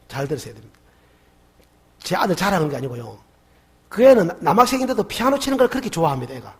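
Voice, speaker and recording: A middle-aged man with a Gyeongsang accent, preaching a Sunday sermon in church and telling a story with lively questions to the congregation. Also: sits high, breathy edge. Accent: Gyeongsang dialect. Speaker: pastor. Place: church sanctuary.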